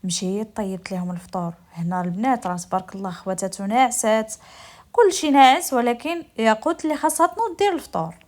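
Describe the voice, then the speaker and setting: A woman's voice: on the high side, fast talker, darkish tone. A woman with a Moroccan accent telling a story in the first person, speaking to her listeners in a confiding way. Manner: confiding, addresses listeners directly.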